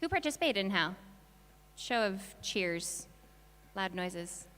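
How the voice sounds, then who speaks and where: A woman making informal, jokey, halting announcements from a stage as an event organiser. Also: medium pitch, very animated, fairly bright tone. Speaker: conference organiser and presenter. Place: on stage in a hall. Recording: reverberant hall sound.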